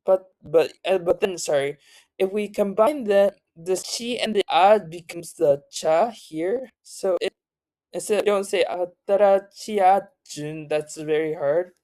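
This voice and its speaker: A tired tutor walks through a language lesson at an unhurried pace. The voice is mellow and a little dark, recorded dry and close. The talk stops and restarts often, with fillers and self-corrections. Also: mid-range voice, no room sound. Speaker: language teacher. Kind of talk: casual spoken lesson.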